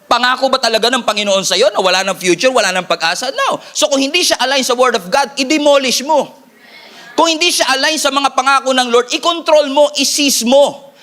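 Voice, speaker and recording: A man preaching a sermon as pastor, animated, joking and calling for responses from the congregation, repeating key lines for emphasis. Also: extremely high pitch, a little fast.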